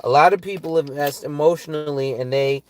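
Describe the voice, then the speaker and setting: A man's voice: on the high side, a little fast, a little mellow, slight background noise. A tired man in his forties, a financial advisor talking loosely and profanely through money tips, often checking in with "right?". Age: 40s. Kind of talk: casual talk reading through financial tips.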